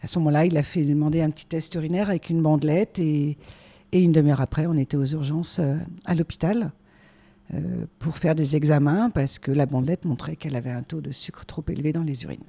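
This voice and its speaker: Hesitant woman in her forties, mellow voice. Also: sits low, steady tone. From France. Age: 40s. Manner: hesitant, many filler pauses. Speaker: guest, the host's mother. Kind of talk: casual conversation.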